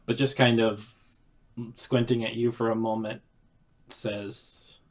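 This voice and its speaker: A man's voice: medium pitch, little pitch movement, takes it slowly. A man narrating as game master in a loose, casual way, with many fillers.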